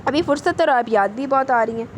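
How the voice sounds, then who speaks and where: A woman's voice: sits high, a little hiss or hum, lightly acted, low-quality recording. A woman voicing a brash young gangster man who makes playful, boastful threats.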